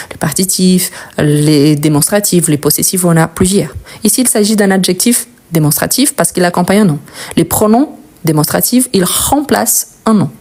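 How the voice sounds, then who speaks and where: A young Brazilian woman whose native language is Portuguese teaches French grammar, slowly repeating example words for her learners. Her voice is lowish and warm.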